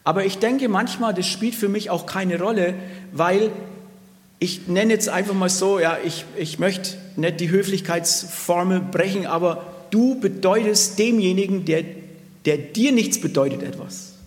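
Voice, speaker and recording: A man's voice: sits high, measured pace. A man preaching a sermon in an earnest way, repeating phrases for emphasis. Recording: long hall reverb.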